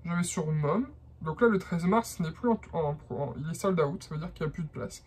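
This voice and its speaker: A man's voice: fairly high pitch, lively intonation, fairly quick, husky. A man from France with a French accent, explaining a how-to in a hesitant vlog style with many fillers. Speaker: vlogger.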